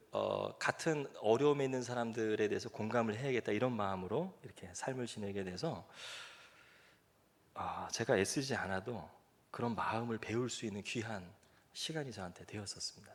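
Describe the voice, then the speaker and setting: A man's voice: fairly low pitch, moderate pace, a bit bright. A middle-aged male pastor preaching a sermon, telling a personal story in a conversational, self-deprecating way with light laughter. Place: church sanctuary.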